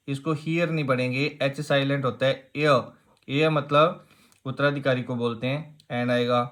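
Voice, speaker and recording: Higher-pitched man teaching grammar. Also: a bit bright. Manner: explains step by step, asks rhetorical questions and repeats key points. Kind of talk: exam-prep grammar lesson.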